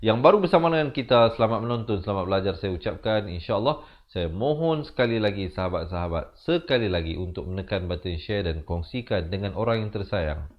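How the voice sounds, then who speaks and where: A man with a Malaysian Malay accent teaching Quran recitation rules, moving between slow drawn-out demonstrations and quick explanations that trail off softly. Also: fairly low pitch, lively intonation, muffled recording.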